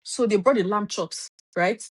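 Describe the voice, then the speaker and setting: A woman's voice: mid-range voice, normal speed, breathy edge, no echo. A woman co-hosting a casual podcast, chatty and digressive, teasing the others while telling a story. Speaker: podcast co-host.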